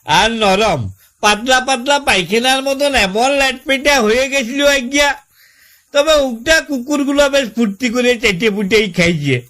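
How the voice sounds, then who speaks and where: In a comic phone-call skit, a man plays an aggrieved village husband griping about his new fridge, spinning long-winded, folksy complaints in a rural West Bengal accent. Exasperated and rambling, he repeats himself, speaking unhurriedly in a very high, fairly bright voice.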